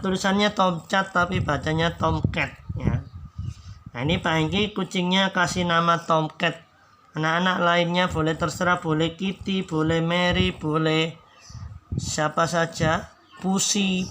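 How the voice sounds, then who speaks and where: A man's voice: a little high, bright, forceful tone. A man teaching children to draw step by step, patiently repeating each instruction and counting strokes aloud. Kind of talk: slow step-by-step drawing tutorial for children. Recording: background noise.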